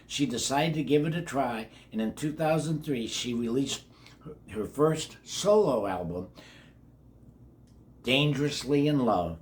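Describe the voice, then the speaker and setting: An older man hosting a children's read-along reads a book aloud in a folksy style, speaking directly to the kids, repeating words and adding chatty asides. His voice is medium-pitched and animated, and his pace is measured.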